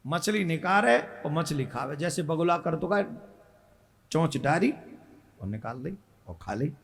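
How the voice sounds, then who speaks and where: A middle-aged man with a Braj accent telling a devotional story to a large gathering, rousing the crowd to cheer loudly. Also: fairly high pitch, lively intonation, measured pace, vocal fry. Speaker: spiritual storyteller. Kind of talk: devotional sermon.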